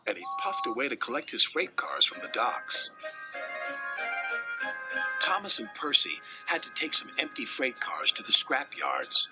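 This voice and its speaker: A man's voice: measured pace, music in the background, rough recording. A man narrating a children's train story, changing his voice for each character. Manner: lively, shifts pitch for each engine voice. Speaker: narrator voicing all characters.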